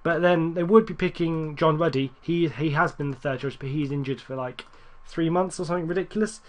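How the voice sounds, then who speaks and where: A man giving casual, rambling gameplay commentary, correcting himself often and getting excited at near misses. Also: fairly high pitch, brisk. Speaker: gaming YouTuber.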